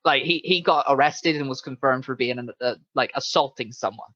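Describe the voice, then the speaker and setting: A man co-hosting a casual chat about video games, retelling things in an animated way and acting out quotes. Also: medium pitch, brisk, no echo. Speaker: podcast co-host. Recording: dull, muffled lo-fi sound.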